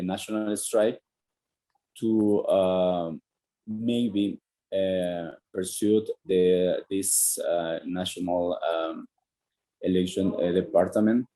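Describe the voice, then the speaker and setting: A man from Ecuador, a native Spanish speaker with an Ecuadorian accent, talking casually over a video call and pausing on many fillers and restarts. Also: sits low, warm tone, poor audio.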